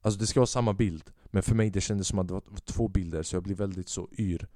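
A man's voice: low voice, steady tone, warm tone, no room sound, studio quality. A young man hosting a podcast, telling a rambling comic story in casual chat, acting out what people said and swearing freely. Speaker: podcast host. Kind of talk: casual comedic monologue.

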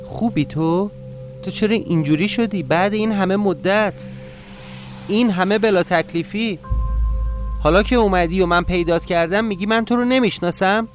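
A man's voice: sits high, soft background music, pitched above the performer's own voice, natural voice. A man voicing a fairly young woman in an audio story, insistent and distraught, pressing with reproachful questions. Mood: upset, reproachful. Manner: pleading, rising, reproachful questions.

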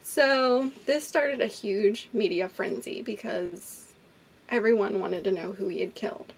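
A woman with a husky, mid-range voice co-hosts a casual true crime podcast, telling the story animatedly at an unhurried pace. She swears and laughs often.

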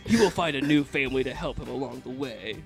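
A man's voice: medium pitch, fast, creaky, over music, lightly acted. A man voicing a dramatic, solemn movie trailer announcer who speaks in grave, portentous phrases for a comedy parody.

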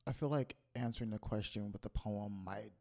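A podcast co-host chatting casually, playful and animated. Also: medium pitch, fairly quick, gravelly. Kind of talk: casual chat.

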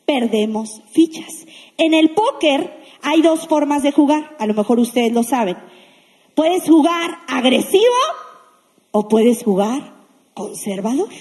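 A woman preaching to young people, lively and questioning the audience, acting out little quotes as she goes. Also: high-pitched, in a large hall. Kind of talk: sermon to a youth congregation.

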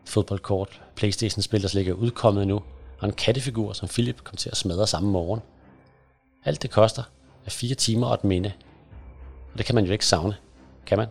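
A man narrating a scary children's story in a hushed, suspenseful way. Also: on the low side, steady tone, creaky, pauses often. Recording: soft music under the voice.

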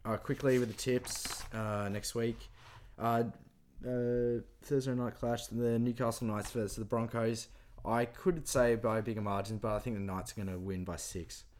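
A young man with a New Zealand accent who co-hosts a casual sports chat, rambling excitedly and peppering his talk with "mate" and "like". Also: medium pitch, moderate pace. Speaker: sports podcast co-host.

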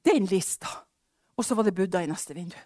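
A woman preacher telling a personal testimony in a storytelling sermon, acting out the dialogue and dropping to hushed asides. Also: medium pitch, lively intonation, no echo, studio quality.

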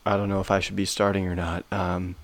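A man in a casual sports conversation, relaxed and chatty. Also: low-pitched, quick pace.

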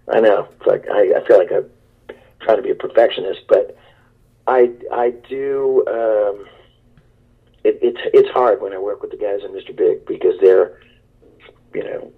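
A man's voice: lowish voice, gravelly, breathy edge. Man rambling over a tinny speakerphone. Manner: rambling, enthusiastic, self-deprecating. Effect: heard over a speakerphone line. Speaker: guest musician. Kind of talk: phone interview chat. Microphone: phone on speaker.

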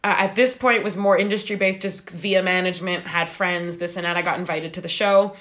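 A young woman from Canada telling a long story in a rambling, animated way, acting out what people said. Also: fairly low pitch, fairly quick. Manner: animated, rambling, acts out quoted voices. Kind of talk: casual storytelling.

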